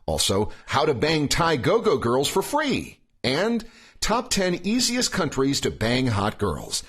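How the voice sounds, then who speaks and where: A male podcast host reads out the guest's introduction and then asks his questions in a rambling, hedging way. His voice is husky and breathy, and his pitch moves around a lot. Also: wildly swooping pitch, slow, a bit bright. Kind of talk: casual interview questions.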